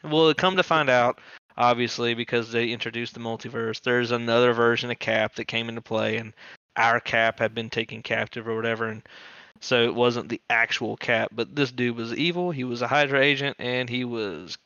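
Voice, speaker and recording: A man's voice: medium pitch, clear, resonant tone, no echo, lo-fi sound. A man co-hosting a podcast, chatting casually and eagerly about comic book stories. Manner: excitable fan, talks fast with many fillers. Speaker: podcast co-host. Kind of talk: casual chat.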